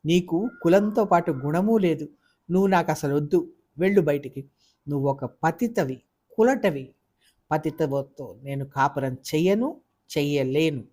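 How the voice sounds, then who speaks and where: A storyteller voicing an angry young husband who hurls harsh insults in a Telugu audio novel. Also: male voice, fairly high pitch, unhurried. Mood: raging. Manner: harsh, shouting, contemptuous. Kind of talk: audiobook character voice.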